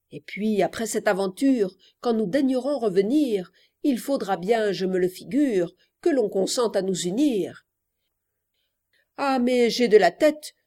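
A woman's voice: medium pitch, a little mellow. A woman voicing an impulsive seventeen-year-old girl who longs to elope, declaiming a theatrical verse monologue.

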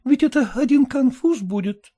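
Brief: reader putting on a pert young daughter, early twenties, affected and prim, high voice. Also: female voice, expressive, normal speed, dark tone, breathy edge.

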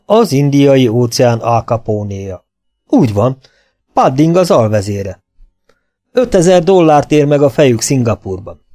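A man's voice: mid-range voice, sing-song, warm tone, faint music behind, natural voice. A man voicing a cordial older British army colonel in a read-aloud story.

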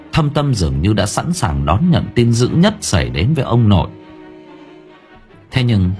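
A man narrating an audiobook in a dramatic, expressive manner. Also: mid-range voice. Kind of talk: scripted narration.

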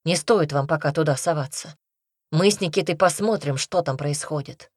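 A woman narrator voicing a calm, decisive young man in an audiobook. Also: deep voice, moderate pace, husky, no room sound, clean studio sound. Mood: steady.

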